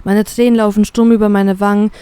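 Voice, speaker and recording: Brief: woman reader, first-person fanfiction audiobook, mellow, dry close sound. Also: mid-range voice, little pitch movement, brisk, smooth, no room sound.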